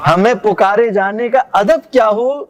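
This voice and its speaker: Guy teaching a poem, fairly high voice, reads the verses slow then rattles off the explaining bits. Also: a little hiss or hum. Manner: recites couplets slowly and solemnly, then explains them in quick conversational asides; asks listeners whether the point is clear. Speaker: lecturer on poetry. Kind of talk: lecture explaining classical verse.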